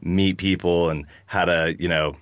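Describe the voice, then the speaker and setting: A man's voice: sits low, fairly even intonation, measured pace, no room sound, clean studio sound. A man from the United States, chatting about his band in a rambling, jokey interview. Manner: rambling, jokey, lots of fillers. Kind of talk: casual interview chat.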